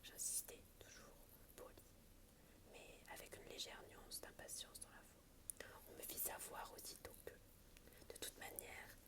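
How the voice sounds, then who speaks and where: A woman reads a book aloud in a soft, unvoiced library whisper, in an ASMR style. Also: a little slow. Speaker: ASMR reader.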